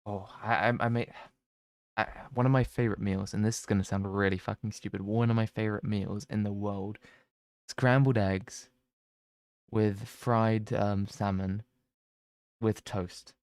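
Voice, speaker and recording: A man's voice: lowish voice, flat delivery, unhurried, no room sound. A young man chatting casually on a stream, rambling and self-mocking, with plenty of swearing. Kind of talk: casual chat.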